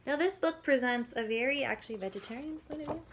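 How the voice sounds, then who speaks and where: This parenting educator talks fast in a high, fairly bright voice while delivering a conversational lesson with demonstrated questions, explaining as she moves along. Slight background noise can be heard.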